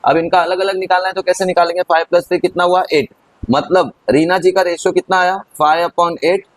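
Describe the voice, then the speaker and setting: A man gives an accounting lesson at a rapid clip, his voice sitting a little high for a man. He chats straight to his students and calls them kids as he works through each step. He keeps the talk easy and familiar. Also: steady tone, no echo, poor audio. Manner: chatty, addresses students as kids. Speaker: teacher. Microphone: recorded over on-screen writing.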